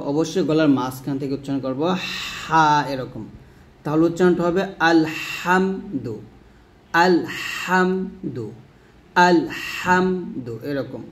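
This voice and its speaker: A man with a Bangladeshi Bengali accent leads a recitation lesson in a slightly raised voice. He explains patiently, then slows down to stretch out and repeat each sound several times. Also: fairly high pitch, a little mellow. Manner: patient, repeats and drags out sounds to demonstrate them. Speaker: Quran reading teacher. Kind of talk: spoken lesson.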